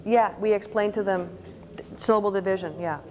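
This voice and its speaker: A woman's voice: mid-range voice, fairly even intonation, moderate pace, slight background noise, rough recording. A woman presenting a conference workshop on teaching reading, explaining step by step and spelling out letters. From Canada. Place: conference session room. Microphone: microphone.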